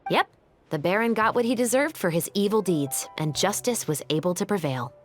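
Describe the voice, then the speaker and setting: A woman's voice: medium pitch, lively intonation, moderate pace, soft background music, natural voice. Woman voicing a level-headed police captain. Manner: level, matter-of-fact. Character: calm, principled female police captain. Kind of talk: game cutscene dialogue and story retelling.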